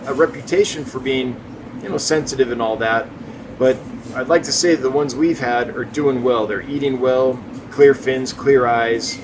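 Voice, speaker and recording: A man giving a casual, enthusiastic, unscripted tour of the stock in an indoor fish warehouse as the seller. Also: a little high. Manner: enthusiastic, chatty. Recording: clear background noise, humming ventilation.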